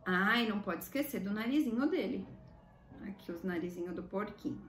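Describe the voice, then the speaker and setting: A woman's voice: medium pitch, animated, a little fast, a bit bright. A woman with a Brazilian accent teaching children a craft like a kids show host, in simple child-directed talk. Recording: echoey room, distant mic, faint noise.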